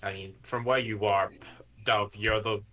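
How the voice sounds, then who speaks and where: Slow, bright-voiced male game master. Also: on the low side, steady tone. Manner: halting, deliberate, pausing mid-sentence. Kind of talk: improvised tabletop game narration.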